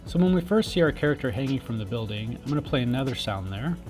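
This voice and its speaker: Talking quickly with big pitch swings, a man with a slightly high voice for a man narrates each step of a software tutorial informally as he works. He is the instructor, and faint music plays behind him.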